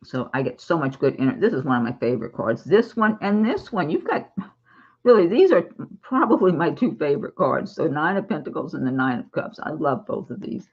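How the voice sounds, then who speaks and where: Brief: woman tarot reader, husky voice, chatty and giggly, dull lo-fi recording. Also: sits low, big pitch swings, a little fast. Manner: chatty, giggly, warm reassurance. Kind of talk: casual tarot reading monologue.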